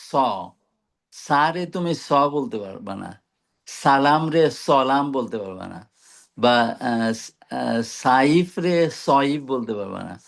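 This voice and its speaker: A man gives a patient one-on-one recitation lesson, walking through each letter sound and repeating syllables aloud. His voice is gravelly with a creaky edge. He talks unhurriedly, pausing often to search for words. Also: medium pitch. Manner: patient, explains slowly with many pauses and fillers. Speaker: Quran recitation teacher.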